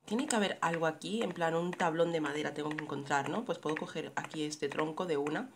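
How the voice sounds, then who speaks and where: A woman's voice: deep voice, fairly quick, background noise. A young woman from giving sarcastic, jokey running commentary while playing a horror game. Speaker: gaming streamer. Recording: keyboard clicks behind the voice.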